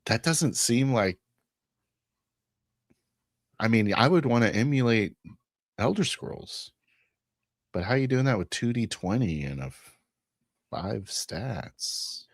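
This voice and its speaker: A man's voice: medium pitch, animated, unhurried, long pauses, dry recording. A man co-hosting a casual chat about tabletop games, from the United States, dropping dry, wry asides and short questions. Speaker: podcast co-host.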